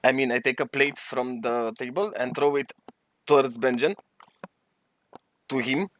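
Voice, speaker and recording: Male tabletop player, loud and casual, average pitch. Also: measured pace, a little hiss or hum.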